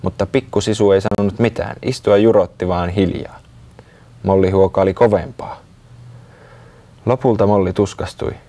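A man reading a children's story aloud in a calm, unhurried way. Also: sits low.

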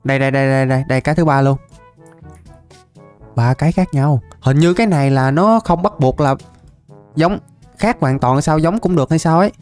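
A young man with a fairly high voice talks his way through a game, chatty and quick to laugh. He repeats words in excited bursts, with music playing softly behind him. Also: clean tone. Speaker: gaming YouTuber. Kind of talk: casual Minecraft let's-play commentary.

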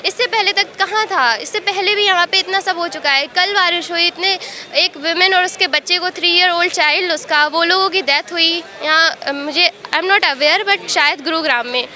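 Interviewed on the street at a protest, this young civil service aspirant from Uttar Pradesh, India, talks into a reporter's handheld mic, sincerely blending English into Hindi. Her very high, bright voice sounds forceful, moving at a moderate pace with barely any pauses.

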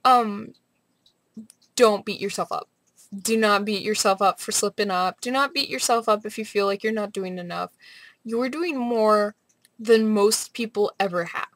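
A young adult woman rambling casually in a vlog, with an animated, sardonic manner. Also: mid-range voice, measured pace, no room sound. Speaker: vlogger. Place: small bright room at home, indoors.

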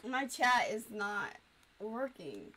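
A woman's voice: fairly high pitch, big pitch swings, takes it slowly, pushed and bright. A woman streaming a game, chatting casually and greeting viewers, coughing now and then.

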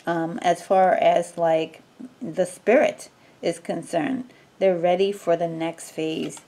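Slow, rambling woman tarot reader. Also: on the low side, steady tone, vocal fry, warm tone. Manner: slow, rambling, many fillers and restarts. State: sneezing from allergies. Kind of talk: casual tarot reading.

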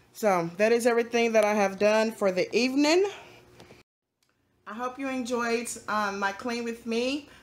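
A woman, chatting casually to her viewers while she cleans her small home kitchen and living room. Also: on the high side. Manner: chatty, talks straight to the viewers. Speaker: cleaning vlogger. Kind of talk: casual vlog chat.

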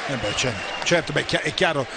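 A man's voice: on the high side, expressive, fast talker. A man giving conversational analysis as co-commentator on a football match. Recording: stadium crowd noise behind. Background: stadium crowd.

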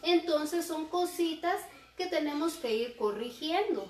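Slow high-voiced woman teacher, echoey room. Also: expressive. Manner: slow, repeats examples and asks rhetorical checks. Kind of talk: recorded classroom lesson.

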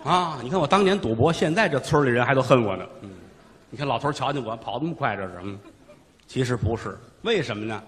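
Storyteller as a nervous old village guy, animated pitch. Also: quick pace, long reverb tail, close to an everyday voice. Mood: wary. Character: fearful old village man, gossiping warning. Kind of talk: traditional comic storytelling.

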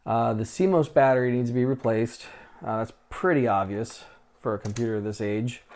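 Speaking at a normal speed in a mid-range voice, a forties-aged vintage tech host narrates a hands-on restore in a casual, chatty way. The setting is a desk in a small room; he uses a lapel mic and says "uh" a lot.

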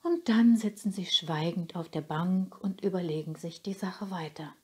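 A woman narrating a children's storybook in a gentle, unhurried way. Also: fairly low pitch, husky. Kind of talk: storybook reading.

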